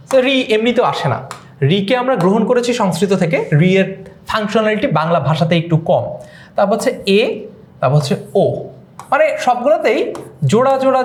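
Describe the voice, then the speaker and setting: A man's voice: high voice, darkish tone, reverberant. A young man with a Bangladeshi Bengali accent, teaching an exam-prep lesson and explaining step by step, often repeating key points. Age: young adult.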